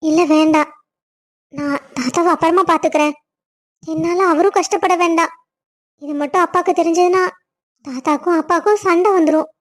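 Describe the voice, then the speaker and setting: A woman's voice: very high-pitched, steady tone, moderate pace, pauses often. A woman voicing a sorrowful elder sister in a cartoon story, pleading tearfully. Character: sorrowful elder sister, longing for her brother.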